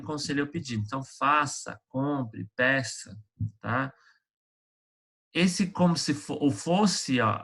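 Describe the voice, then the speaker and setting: A man's voice: mid-range voice, fairly bright tone. A man teaching an online lesson, going over exercises in a conversational way, often checking in with his students and hesitating with fillers. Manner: hesitant, with frequent fillers and restarts.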